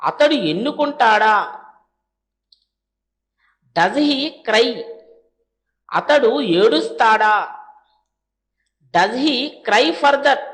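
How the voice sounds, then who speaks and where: A woman with a Telugu accent teaching spoken English, reading each practice question very slowly and then translating it. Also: fairly high pitch, fairly bright tone. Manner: reads English sentences very slowly, then Telugu translations; brisk asides to "friends". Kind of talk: language lesson drilling sentences.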